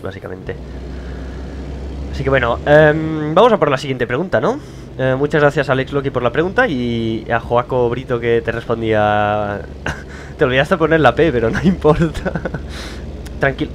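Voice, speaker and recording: A young man with a Spain Spanish accent, rambling and joking at himself in casual let's-play commentary from a home studio. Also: medium pitch. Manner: rambling, chatty, self-mocking, laughs often. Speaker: gaming YouTuber. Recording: loud driving game engine noise behind.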